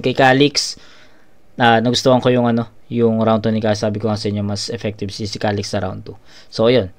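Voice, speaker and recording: A man reviews a rap battle and gives his scores in a casual, hesitant way, full of fillers and restarts. His voice sits at an ordinary pitch and sounds smooth and clear. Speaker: battle judge reviewing a match.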